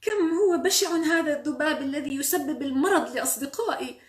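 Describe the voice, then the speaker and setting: A woman voicing a jolly uncle in a children's storybook, with high squealing exclamations. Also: normal speed, a little mellow, natural voice. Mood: pensive. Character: jolly cheerful uncle, a neighbourhood man. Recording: roomy sound from a distant mic.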